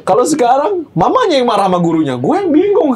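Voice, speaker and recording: A man from Java with a Javanese accent, telling animated stories full of slangy banter as a guest in a casual chat. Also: extremely high pitch, fast talker, over a noisy crowd. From Java, Indonesia. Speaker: guest business owner.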